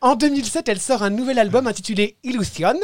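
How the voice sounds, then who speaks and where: A man's voice: very high-pitched, fast talker, no room sound, clean studio sound. A man in his thirties presenting a comic column in a theatrical, sarcastic way and often laughing at his own jokes. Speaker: regular columnist. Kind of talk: comic chronicle, half-read.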